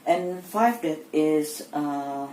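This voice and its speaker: Young Indonesian woman, student presenter, low pitch, hesitant with many fillers, recorded in an echoey room. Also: warm tone. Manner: hesitant, halting, frequent fillers and restarts. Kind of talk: exam presentation. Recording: echoey room with faint background noise.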